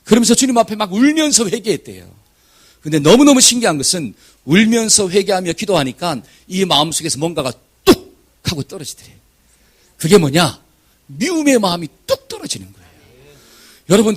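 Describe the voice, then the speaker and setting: A man, a pastor, preaching a sermon in story form, acting out the prayers of the people in it and swinging from hushed asides to loud exclamations. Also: sits high, sing-song, fairly quick, husky.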